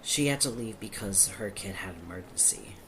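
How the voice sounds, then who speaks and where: A man with a lowish voice plays a small-town police officer in a one-sided audio roleplay, lightly acted, nervous, and awkward, hesitant in his phrasing and quick to apologize. The mood is somber and uneasy. Noticeably noisy ambience surrounds him.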